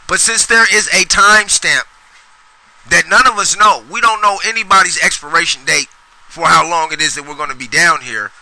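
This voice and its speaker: Middle-aged male podcast host, high bright voice, rambling profane solo rant. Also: normal speed, gravelly, poor audio. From Sacramento, US. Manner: profane, rambling, emphatic with repetitions.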